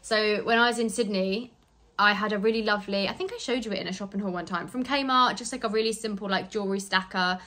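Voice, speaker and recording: Brief: young woman, casual phone vlog, rambling and chatty, mid pitch. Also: fast, bright, forceful tone, rough recording. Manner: chatty, rambling, lots of fillers. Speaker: vlogger. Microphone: handheld phone.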